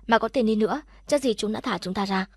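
A woman narrator voicing a frightened but brave young woman held captive, pleading softly. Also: mid-range voice, fast talker, dry recording, clean studio sound, lightly acted.

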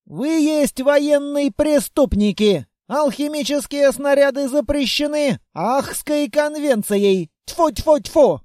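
A man's voice: very high voice, takes it slowly, hardly any pauses, darkish tone, no echo, clean studio sound, pitched above the performer's own voice. A man voicing a pompous, fat foreign villain who sputters indignantly in broken speech. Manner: shrieking, sputtering, broken grammar.

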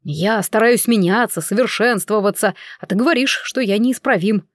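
A woman's voice: medium pitch, moderate pace, dry recording, clean studio sound, lightly acted. A woman reading the lines of a playful, mocking young nobleman in a story. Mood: teasing. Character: teasing charming young nobleman.

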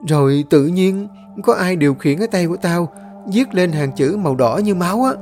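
A man's voice: high-pitched, lively intonation, normal speed, a little mellow, soft background music, voice pushed up. A man voicing a frightened teenage schoolgirl who talks in a panicky, trembling way.

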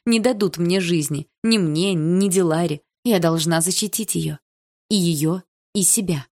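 Woman reading a first-person audiobook, low voice, lively and a bit sardonic. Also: a little slow. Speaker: audiobook narrator.

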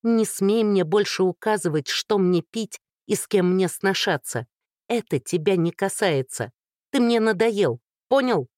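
A reader voicing a furious young woman who shouts and taunts in an audiobook. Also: mid-range voice, moderate pace, no room sound, clean studio sound, voice pushed up, close to an everyday voice.

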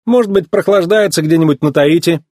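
A man's voice: a little high, brisk, darkish tone, no room sound, studio quality, pitched above the performer's own voice, close to an everyday voice. A man voicing a cocky young male race car with a brash, boastful, teasing manner.

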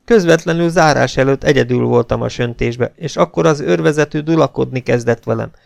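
A man reading an audiobook, voicing a calm young barmaid who tells her story in a raised, pleading way. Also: medium pitch, vocal fry, no echo, voice pushed up. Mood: agitated.

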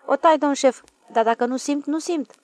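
A woman's voice: sits high, a little mellow, no room sound, pitched above the performer's own voice, natural voice. A woman voicing a blunt, plain-spoken rustic railway switchman in an audiobook. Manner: blunt, plain-spoken, deferential to his boss. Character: gruff rustic middle-aged male railway switchman. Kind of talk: audiobook character voice.

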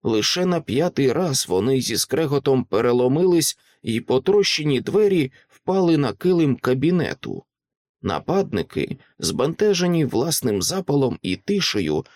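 Expressive male audiobook narrator. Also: medium pitch, no room sound, clean studio sound. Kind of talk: scripted literary narration.

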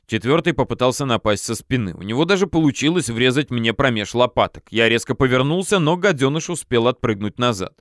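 A man's voice: mid-range voice, a little fast, few pauses, dry recording, studio quality. Man narrating a first-person audiobook. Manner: lively first-person storytelling with slangy asides.

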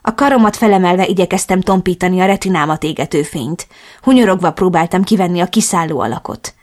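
A woman reading a first-person novel aloud as audiobook narrator, in a steady, clear storytelling manner. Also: fairly low pitch.

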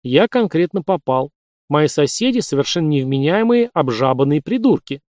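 A man voicing a tough, blunt young man who mocks and threatens in rough slang. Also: fairly high pitch, animated, normal speed, darkish tone, no room sound, studio quality, lightly acted. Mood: tough mocking.

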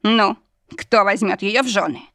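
A woman voicing an arrogant male demon lord who talks gruffly, commanding and smirking. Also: medium pitch, unhurried, sharp tone, no echo, clean studio sound.

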